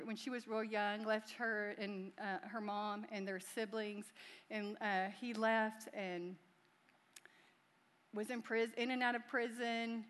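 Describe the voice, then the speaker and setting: A woman's voice: a little high, clean tone. A middle-aged woman, the pastor's wife, speaking to a congregation in a chatty, heartfelt way. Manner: chatty, warm, laughing, heartfelt. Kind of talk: church talk. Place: large church. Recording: long hall reverb.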